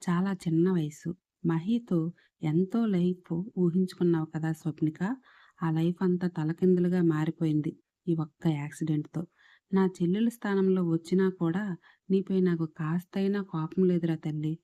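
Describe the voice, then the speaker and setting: A woman's voice: fairly low pitch, fairly even intonation, moderate pace, warm tone, no room sound, lo-fi sound, lightly acted. A woman voicing a sorrowful male doctor, tender and mournful, in a storybook reading.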